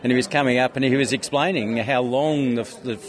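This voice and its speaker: With crowd chatter in the background of a busy convention venue, an Australian skeptics convention organiser is interviewed in a casual chat. He speaks briskly in a medium-pitched, steady voice, wandering hesitantly through his anecdotes.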